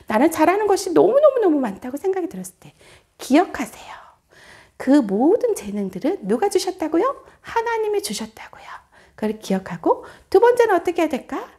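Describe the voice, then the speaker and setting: A woman giving a children's sermon as a story. Her voice is high and bounces widely, and she keeps turning to the kids with questions. The delivery is animated and encouraging. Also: vocal fry. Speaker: children's ministry preacher.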